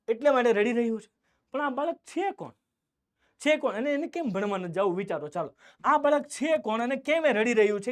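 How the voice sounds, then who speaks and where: A man's voice: high-pitched, smooth. A young man with a Gujarati accent teaching an online class, asking questions and answering them himself. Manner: asks questions and answers them himself, calls viewers beta.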